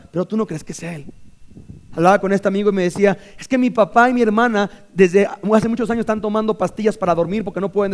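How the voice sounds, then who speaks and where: A man with a Mexican Spanish accent, preaching a lively sermon in church, full of jokes and acted-out quotes. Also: sits high. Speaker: pastor.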